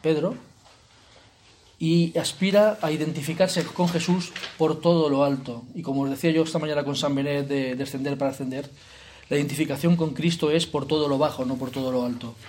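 A man leading a spiritual retreat in an informal, conversational way, often tagging his sentences with quick checks to the group and slipping in jokey asides. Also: a little high, fairly even intonation, darkish tone, a little hiss or hum. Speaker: retreat leader.

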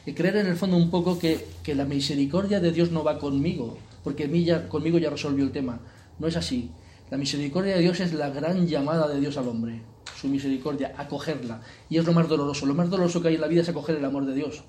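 A man with an accent from Spain leads a retreat talk, his slightly high voice rattling along at a quick clip. He keeps things colloquial and throws in plenty of rhetorical questions and tag words. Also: dark tone, a little hiss or hum. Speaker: retreat leader.

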